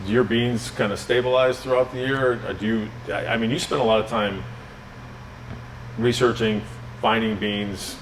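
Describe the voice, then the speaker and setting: A man's voice: mid-range voice, fairly even intonation, moderate pace, slight background noise, poor audio. A man interviewing someone in casual chat, with informal, loosely phrased questions and easy agreement.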